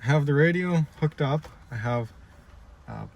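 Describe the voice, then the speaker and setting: This man's voice sits a little high, with lively intonation, an unhurried delivery, and a darkish tone. He's a DIY installer showing off his project, calmly and methodically explaining each step as he works inside a car. The in-car background noise is clearly audible.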